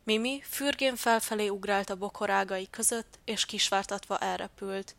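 A woman narrating a children's Christmas story in a calm, gentle storytelling manner. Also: medium pitch, vocal fry, dry recording.

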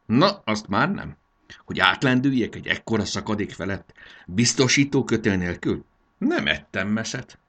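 A man's voice: lowish voice, animated, a bit bright. A man voicing a young boy who boasts and acts brave while he is afraid of heights. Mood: boastful, stubborn. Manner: boastful, then nervous and bracing himself. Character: adventurous young boy, proud but scared of heights.

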